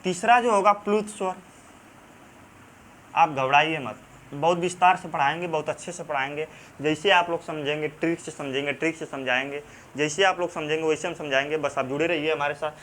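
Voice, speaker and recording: A man with a Banarasi Hindi accent teaches a grammar lesson in a fairly high, slightly bright voice, repeating key terms over and over and checking in with "theek hai" to see if the class follows. His speech is halting, with drawn-out fillers and frequent restarts. A faint hiss sits beneath the recording.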